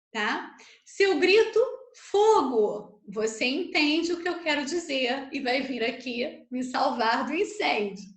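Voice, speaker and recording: A Brazilian Portuguese woman teacher giving an online grammar lesson, explaining patiently and checking in with her students often. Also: sits high. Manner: slow, patient explaining with frequent tag questions. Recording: echoey room.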